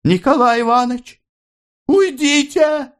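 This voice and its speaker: A man's voice: very high-pitched, fairly even intonation, extremely slow, pitched above the performer's own voice, exaggerated voice. A man voicing a frightened older mother, anxious and protective, calling out in urgent, pleading tones.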